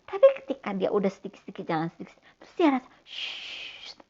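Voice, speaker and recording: A woman telling a Bible story to children in a lively way, speaking to them directly and acting out the voices. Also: medium pitch, very fast, husky. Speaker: Sunday school teacher. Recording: dull lo-fi sound.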